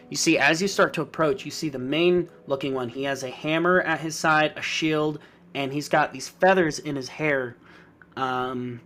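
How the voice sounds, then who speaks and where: A man's voice: mid-range voice, a bit bright. A man narrating a tabletop game as game master, rambling with many fillers and restarts.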